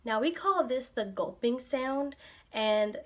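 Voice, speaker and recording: A woman's voice: on the high side, lively intonation, takes it slowly. A young adult woman working as a speech-language pathologist, explaining articulation cues and modeling each sound with short repeated syllables. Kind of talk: instructional explanation.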